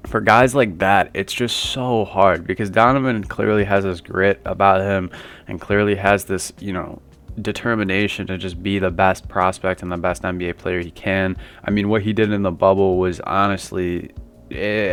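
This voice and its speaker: Man, sports channel host, low resonant voice, rambling casual commentary. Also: fairly bright tone, clear, resonant tone. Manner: rambling and conversational, with many fillers. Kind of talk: casual sports commentary reacting to viewer takes.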